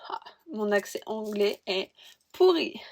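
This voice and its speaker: A woman's voice: medium pitch, a little slow, darkish tone. A woman book vlogger in casual chat, rambling and talkative about what she is reading. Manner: rambling, chatty, admits she talks too much.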